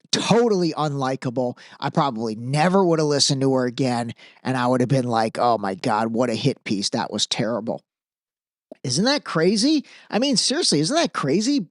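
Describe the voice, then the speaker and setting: A man with a slightly high voice hosts a podcast, offering casual, opinionated commentary. He talks informally and emphatically, repeating phrases to drive points home, and the recording is dry and studio quality.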